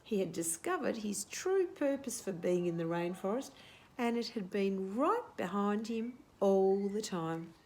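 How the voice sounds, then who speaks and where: An Australian woman reading a children's picture book aloud in a gentle storytelling manner, then thanking her listeners. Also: medium pitch, lively intonation, unhurried.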